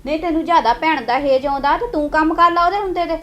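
Woman doing a nagging wife, high voice, sarcastic and bossy. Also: quick pace, fairly bright tone, reverberant. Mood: scolding. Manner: scolding, sarcastic. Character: sharp-tongued wife scolding her husband. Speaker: nagging wife in a family drama.

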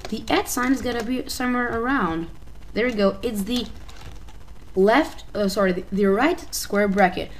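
A woman's voice: on the high side, moderate pace, a little hiss or hum, rough recording. A woman from Albania with an Albanian accent, a native Albanian speaker, narrating a casual screen-recording tutorial in a hesitant way, often restarting and correcting herself. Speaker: tutorial maker.

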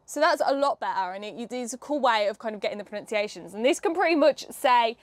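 A woman's voice: a little high, lively intonation, quick pace, no echo. A young woman hosting a casual hands-on demo, chatting and explaining each step with a few fillers. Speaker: host.

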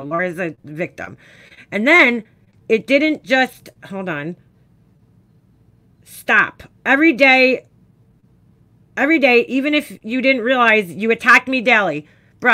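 A woman's voice: mid-range voice, bright, forceful tone. Profane, scornful woman ranting live. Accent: New York. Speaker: makeup commentary streamer.

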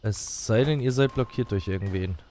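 A man's voice: lowish voice, normal speed, a little mellow, slight background noise. A man giving casual, colloquial let's play commentary, musing to himself as he goes.

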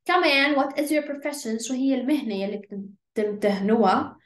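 Woman teaching English slowly. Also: a little high, reverberant. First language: Arabic. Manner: switches between slow English and rapid Arabic explanation. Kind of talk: online beginner English lesson.

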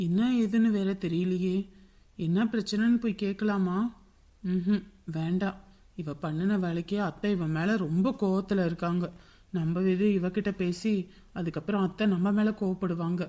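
A woman voicing a kind but cautious young woman in an animated drama, thinking aloud and torn about what to do. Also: medium pitch, lightly acted.

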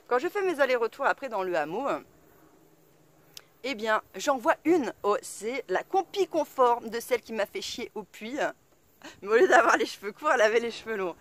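A woman vlogger casually telling a story to her viewers, blunt and colloquial, swearing freely and full of fillers. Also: on the high side. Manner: chatty, full of fillers and asides. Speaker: off-grid vlogger.

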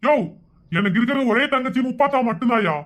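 A man voicing a sentimental married man in an animated comedy who laments his own betrayal in a mournful, melodramatic way. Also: extremely high pitch, quick pace. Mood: lamenting.

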